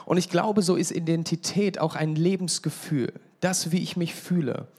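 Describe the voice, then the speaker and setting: A man's voice: a little high, steady tone, normal speed, a little mellow, husky. Chatty man in his thirties preaching. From England. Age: 30s. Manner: conversational and chatty, joking with the congregation. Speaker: pastor. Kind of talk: sermon.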